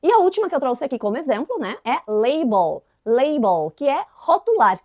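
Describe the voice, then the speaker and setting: A woman's voice: high-pitched, sing-song, normal speed, warm tone. A woman teacher explaining English spelling and pronunciation, repeating example words and checking in with frequent tag questions. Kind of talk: online English lesson.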